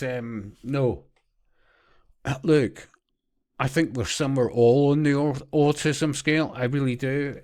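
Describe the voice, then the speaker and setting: A man giving profane, sarcastic commentary, often breaking into laughter. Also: medium pitch. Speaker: vlogger. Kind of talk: ranting commentary.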